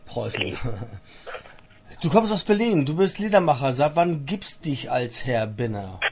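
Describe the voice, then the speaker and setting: A man's voice: medium pitch, sing-song, a little slow, a little mellow, slight background noise. A man hosting a casual radio interview, chatty and laughing at his own jokes. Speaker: radio host.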